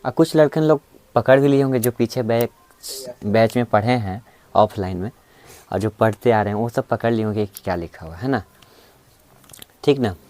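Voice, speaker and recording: A man's voice: lowish voice, moderate pace, pauses often, darkish tone. A man teaching a reasoning class in a classroom, coaxing the students along with frequent check-ins. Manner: coaxing, repeats "है ना" and "ठीक है". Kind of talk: classroom lecture. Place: classroom with students present, also streamed online.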